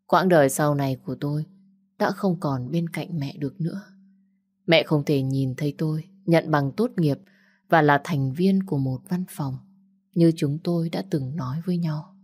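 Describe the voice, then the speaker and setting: Low breathy woman narrating a sad story. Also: moderate pace. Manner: sorrowful, soft-spoken reading. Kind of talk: first-person audio story narration.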